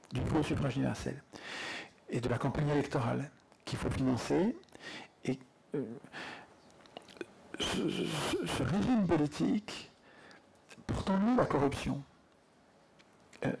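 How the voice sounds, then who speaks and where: A man speaking at a public conference debate into a handheld mic in a lecture hall, animated and insistent. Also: fairly high pitch, gravelly, breathy edge.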